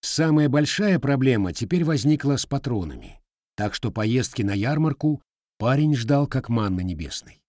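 A man narrating an adventure story in an even storytelling manner. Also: medium pitch, moderate pace, no echo, clean studio sound. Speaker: audiobook narrator. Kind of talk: scripted narration.

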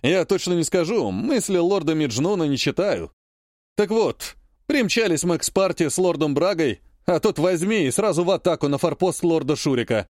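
A man's voice: a little high, expressive, moderate pace, darkish tone, dry recording, studio quality, natural voice. A man voicing a chatty male soldier telling his comrades a war story in an audiobook.

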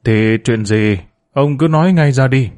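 A man's voice: mid-range voice, measured pace, no echo, studio quality, natural voice. Man reading an unruffled, curt middle-aged mother, storybook voice. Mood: scolding. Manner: calm, curt. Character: calm, sharp-tongued middle-aged wife and mother.

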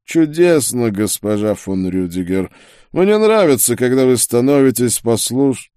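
A man's voice: mid-range voice, normal speed, darkish tone, no room sound, clean studio sound, voice pushed up, lightly acted. A man reading an audiobook, voicing an arrogant duke and sorcerer who speaks in a cold, sneering and weighty way. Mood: cold arrogance. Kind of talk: audiobook character voice.

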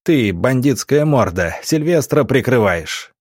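A man voicing a gruff, hot-tempered police officer who barks threats in an audiobook. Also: medium pitch, lively intonation, measured pace, no room sound, clean studio sound, voice pushed up. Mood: threatening. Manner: barking, threatening.

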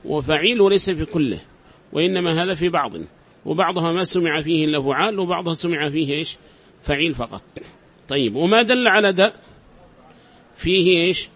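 Higher-voiced man teaching a class. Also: fairly quick, pauses often, fairly bright tone. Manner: explains step by step, repeats examples, quizzes students. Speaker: teacher of Arabic grammar. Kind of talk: classroom lecture.

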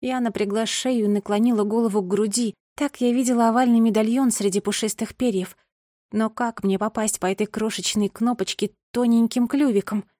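Woman reading a kids audiobook, first person, lively storytelling, slightly high voice, dry close mic. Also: dry recording. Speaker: audiobook narrator.

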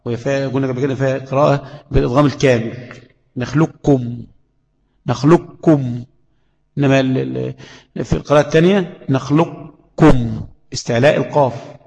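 A man's voice: medium pitch, fairly even intonation, quick pace, vocal fry, a little mellow, big-room sound, poor audio. A man with an Egyptian accent teaching tajweed, explaining letters and checking understanding with rhetorical questions. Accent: Egyptian Arabic. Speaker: Quran recitation teacher. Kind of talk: tajweed lesson.

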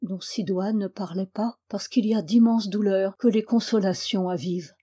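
A woman reading a novel aloud as an audiobook, giving the characters expressive voices. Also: mid-range voice, moderate pace, slightly rough. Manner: voices characters with emotion, rising to anguished cries. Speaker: audiobook reader.

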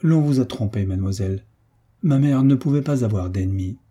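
An innocent, trusting young lady who speaks earnestly and plaintively, as a male reader takes her lines. Her voice comes out dark and soft, with a husky grain. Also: mid-range voice, brisk, pitched above the performer's own voice, close to an everyday voice.

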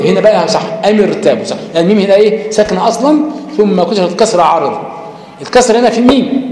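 A man's voice: high voice, a little mellow. A man with an Egyptian accent teaching recitation rules, explaining step by step, asking his class rhetorical questions and chanting short verses as examples. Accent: Egyptian Arabic. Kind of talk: lecture on tajweed rules. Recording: echoey hall reverb.

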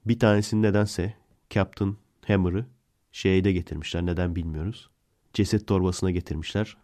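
A man's voice: low voice, steady tone, moderate pace, darkish tone. A man hosting a podcast, casually retelling a film plot in a rambling way and correcting himself as he goes. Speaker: podcast host.

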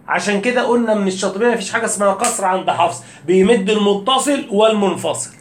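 A man with an Egyptian Arabic accent giving a casual recitation lesson, asking rhetorical questions and breaking into slow chanted verses. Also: high voice, echoey room. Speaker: Quran recitation teacher.

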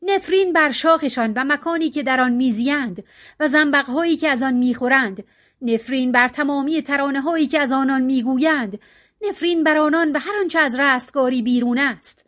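A woman's voice: high-pitched, a bit bright. A woman voicing a stern male priest who curses all things magical in a raised, intoning voice, in an audiobook reading. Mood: solemn denunciation.

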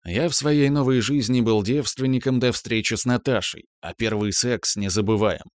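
A man narrating an audiobook in a calm, even storytelling manner. His voice sits at an ordinary pitch. The recording is close and dry. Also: moderate pace, no room sound.

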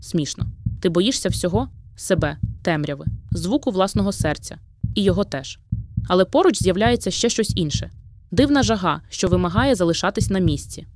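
A woman's voice: lowish voice, animated, moderate pace, a little mellow, dry recording. A woman reading a second-person dramatic story aloud in an intimate, dramatic storytelling manner. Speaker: narrator. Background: background music.

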